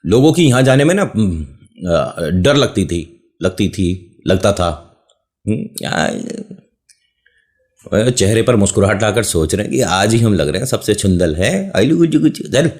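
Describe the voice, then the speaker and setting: Unhurried and animated, this man's fairly low, slightly mellow voice carries a casual horror story. As the storyteller host, he is chatty, repeatedly pausing for jokes aimed at his listeners and playful side trips.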